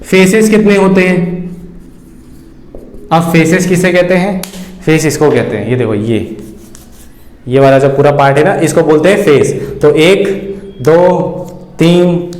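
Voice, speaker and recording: High-pitched man teaching in an echoey room. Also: fairly even intonation, unhurried, long pauses, a little mellow. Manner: counts aloud, asks and answers own questions; mixes Hindi with English terms. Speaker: chemistry teacher. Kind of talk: online class lecture. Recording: echoey room, faint ambient noise.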